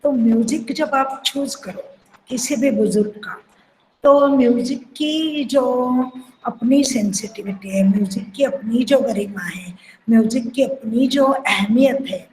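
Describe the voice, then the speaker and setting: Older dance guru, woman with marathi accent, unhurried lecture, slightly high voice, faint room ambience. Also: darkish tone, slight background noise, poor audio. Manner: reflective, sings phrases to illustrate. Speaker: kathak guru teaching. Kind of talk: lecture with sung syllables.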